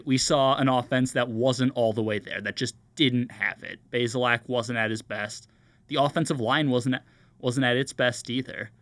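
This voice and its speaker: A young man on a sports podcast, calmly analyzing a college football team. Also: mid-range voice, dry recording. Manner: measured, analytical. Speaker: podcast co-host, sports reporter.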